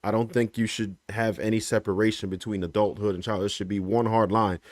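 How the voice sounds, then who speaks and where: A man giving his opinion on a livestream panel, measured, checking in with "right?" as he goes. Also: on the low side, level tone, darkish tone, no echo. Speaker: panel guest.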